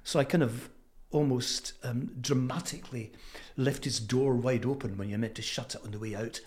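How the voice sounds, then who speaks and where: A man in his seventies with a Fife Scottish accent, telling stories reflectively as an interview guest, halting and thoughtful with frequent pauses. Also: mid-range voice, fairly even intonation, darkish tone. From Fife, Scotland. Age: 70s. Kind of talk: reflective conversational storytelling.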